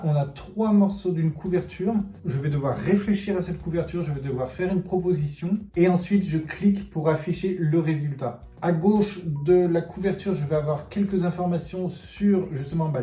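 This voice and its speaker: A man hosting a casual book cover quiz vlog, thinking aloud and often trailing off softly. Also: fairly high pitch. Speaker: book vlogger. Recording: roomy echo, faint background music.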